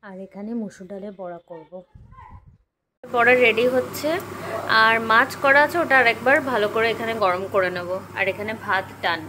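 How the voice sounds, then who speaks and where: There's a noisy background as this woman, with a mid-range voice at a moderate pace, casually narrates her kitchen vlog. Between organizing and cooking, she chats to viewers and coos baby talk to coax a child.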